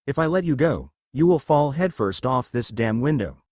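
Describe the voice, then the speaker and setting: A calm teenage schoolboy who talks with a straight face, as a man reading the story puts him on. The line moves with a lively pitch. The voice is dry and close. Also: moderate pace, no room sound, lightly acted. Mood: hushed. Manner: plain, deadpan delivery. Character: teenage boy student, calm and deadpan.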